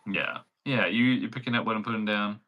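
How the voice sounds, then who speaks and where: Giggly New Zealand man, bright voice. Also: fairly low pitch, brisk. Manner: chatty, giggly, loose with many likes and ums. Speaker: crochet pattern designer and livestream host. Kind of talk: casual livestream chat while crocheting.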